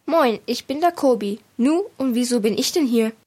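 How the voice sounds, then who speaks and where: A chirpy little kobold-like man, played by a woman in a children's audio story. He chatters along easily with high, airy tones and a breathy edge. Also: expressive, normal speed, darkish tone. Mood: cheerful. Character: small cheerful male manikin, kobold-like.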